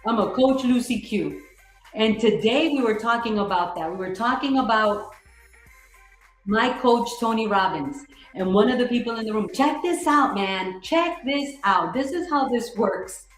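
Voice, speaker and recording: A woman real estate coach giving an energetic, repetitive motivational talk on a livestream, quizzing viewers in the chat. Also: on the high side, a little slow, echoey room, soft background music, poor audio. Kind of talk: live-streamed motivational coaching.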